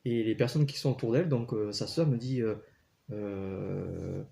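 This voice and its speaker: A man's fairly low, warm voice, touched with vocal fry and a little slow, carries earnest personal stories told casually. He uses many fillers and restarts, giving it the feel of spoken testimony.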